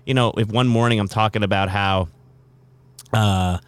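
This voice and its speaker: A man's voice: lowish voice, fairly even intonation, normal speed, smooth. A man who hosts morning radio, chatting casually in an interview, rambling with lots of fillers and restarts.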